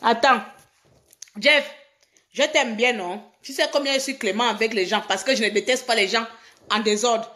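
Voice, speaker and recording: A woman's voice: a little high, moderate pace, pushed and bright. A woman from Gabon, hosting a live stream and scolding her audience with rhetorical questions. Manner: indignant, scolding, repeats herself with rhetorical questions. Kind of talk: heated live-stream rant.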